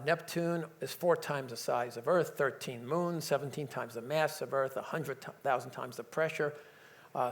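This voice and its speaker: A man giving a public science talk, enthusiastic and joking, with frequent hesitations. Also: medium pitch. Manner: enthusiastic, joking, with many fillers. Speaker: lecturer.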